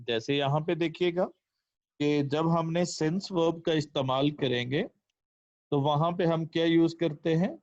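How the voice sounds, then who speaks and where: A male English teacher giving a lesson in Urdu, speaking deliberately and repeating each translation, on a dull lo-fi recording. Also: fairly high pitch, fairly even intonation, a little mellow, dry recording. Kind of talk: language lesson explaining English sentences in Urdu.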